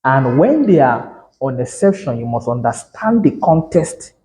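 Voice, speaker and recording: A man's voice: mid-range voice, big pitch swings, measured pace, mellow, poor audio. A man giving a lecture on real estate law to realtors, conversational and emphatic, often correcting himself mid-sentence.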